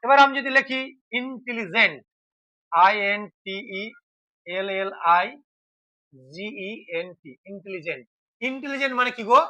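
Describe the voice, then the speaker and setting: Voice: mid-range voice, expressive, moderate pace, pauses often, bright, forceful tone, poor audio. A teacher giving a classroom grammar lesson, asking questions and then answering them, and spelling words letter by letter.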